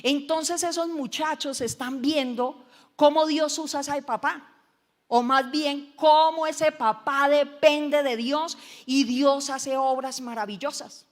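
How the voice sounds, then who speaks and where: A woman pastor with a Colombian accent preaches in a high voice, retelling a story with humor and chatty asides to her congregation. Her voice echoes with a long reverb through the church hall. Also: steady tone, slow. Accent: Colombian Spanish. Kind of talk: sermon.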